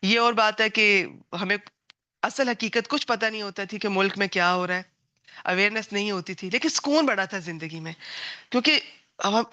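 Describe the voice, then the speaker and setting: A woman's voice: medium pitch, sharp tone. A middle-aged woman from Pakistan, a native Punjabi speaker, teaching a Quran grammar class in an earnest, digressive way, mixing in English words. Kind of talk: online class lecture.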